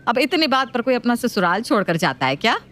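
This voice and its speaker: A woman's voice: very animated, a bit bright. Woman doing a nagging old mother-in-law. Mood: scolding. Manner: scolding, slow and lower-voiced.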